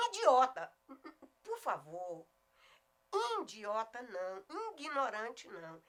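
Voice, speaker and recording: A middle-aged woman with a Goiás Brazilian accent teaching a video lesson on spelling, emphatic and often slowing down to spell words out. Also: mid-range voice, bright, forceful tone. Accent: Goiás Brazilian Portuguese. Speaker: Portuguese teacher.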